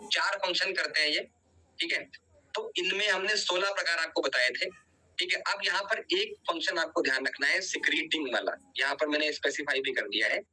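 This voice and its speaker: Bright-voiced man teaching biology online. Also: fairly high pitch, fairly quick, low-quality recording. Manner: explains step by step, often checks with "ठीक है"; quizzes students and urges revision.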